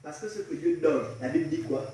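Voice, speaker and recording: Exhorting preacher in an echoing church. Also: male voice, fairly high pitch, fairly even intonation, a little fast. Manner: exhorting, repeats lines for the crowd to echo, breaks into shouts. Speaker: pastor. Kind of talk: call-and-response sermon. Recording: very echoey hall, mic far off.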